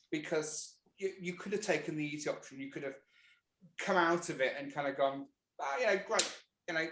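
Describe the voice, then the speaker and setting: A man hosting an online meeting, enthusiastic and halting, often repeating words. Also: fairly high pitch, fairly bright tone, roomy sound, low-quality recording. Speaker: host.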